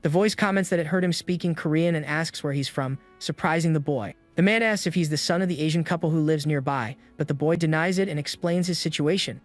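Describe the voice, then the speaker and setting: A man giving a steady, scripted third-person narration of a comic story recap. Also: on the high side, a little fast, few pauses, soft background music.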